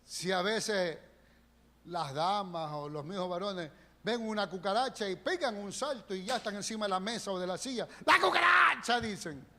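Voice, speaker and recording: In a church sanctuary, a male pastor with a high, slightly bright voice preaches at a moderate pace. His sermon is emphatic and packed with rhetorical questions, captured on a live stream with long church reverb.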